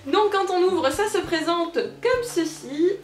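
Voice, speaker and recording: Bubbly high-voiced young woman. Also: lively intonation, slow. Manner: bubbly, gushing, self-mocking, with many fillers. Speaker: unboxing video host. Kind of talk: casual unboxing chat. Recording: roomy, distant, with music behind.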